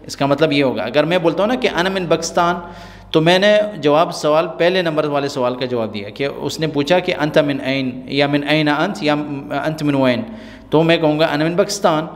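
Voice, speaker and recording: A man, teaching a spoken-language lesson and repeating example phrases slowly and deliberately. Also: a little high, in a large hall. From Pakistan. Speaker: Arabic teacher.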